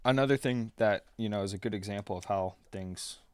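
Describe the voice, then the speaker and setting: A man's voice: on the low side, fairly quick, clean tone, no echo. A man in his twenties, a tax preparer co-hosting a podcast, talking casually with lots of ums and you-knows. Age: 20s. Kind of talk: casual chat.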